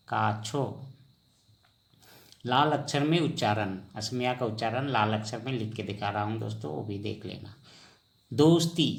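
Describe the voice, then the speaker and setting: A male language teacher speaks at a very slow, deliberate pace in a middle-pitched voice. He drills each word several times. He poses questions to the viewer and then answers them himself, as in a recorded screen lesson. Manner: slow, repetitive drilling, asks and answers his own questions. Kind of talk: vocabulary lesson.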